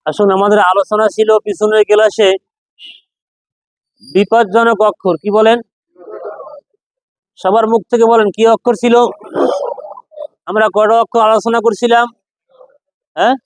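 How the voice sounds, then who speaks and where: A man teaching a class to pronounce letters, repeating each sound slowly and having students echo it. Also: high voice, level tone. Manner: chants opening prayers in a slow singsong. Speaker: Quran recitation teacher. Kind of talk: classroom pronunciation lesson.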